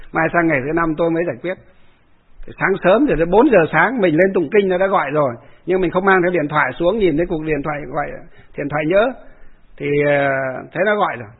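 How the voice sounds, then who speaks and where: A fairly high, husky male voice, a Buddhist monk rambling through a story with fillers and repetitions. The sound is narrow and phone-like, as if heard over a radio. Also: quick pace. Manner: rambling, with many filler sounds and repeated phrases.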